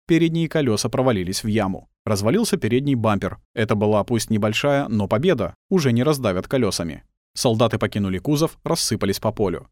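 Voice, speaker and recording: A man's voice: on the low side, a little mellow, no echo, clean studio sound. A man reading a war novel aloud as scripted audiobook narration.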